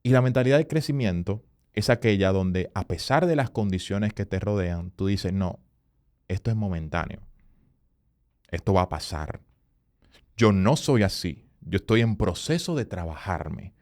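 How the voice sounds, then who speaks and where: A man, a communication consultant, telling earnest stories as a podcast guest, emphatic and rising in pitch when he quotes people. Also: a little mellow, dry recording, clean studio sound. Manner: earnest, emphatic storyteller who rises in pitch for quoted voices. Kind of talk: storytelling in a podcast interview.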